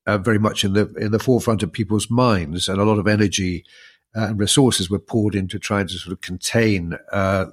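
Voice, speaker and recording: Male podcast co-host, fairly low voice, croaky with illness, talking through analysis in a measured, conversational manner.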